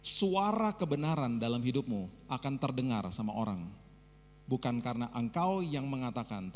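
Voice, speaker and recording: Gravelly-voiced male pastor preaching. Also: medium pitch, a little hiss or hum. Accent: Indonesian. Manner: lively storytelling with acted quotes. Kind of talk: sermon. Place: church hall. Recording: long church hall reverb.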